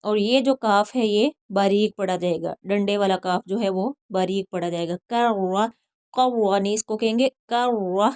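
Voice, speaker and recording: A woman's voice: medium pitch, darkish tone. A woman teaching Quran reading, spelling out Arabic letters and their vowel marks one by one and explaining how each is pronounced, with an Urdu accent. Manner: slow and careful, letter by letter.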